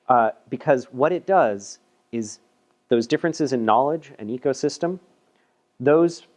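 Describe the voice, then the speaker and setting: A man whose medium-pitched voice has a darkish tone gives an informal technical talk in a meetup room, presenting a paper. He repeats words frequently and slips in self-deprecating asides.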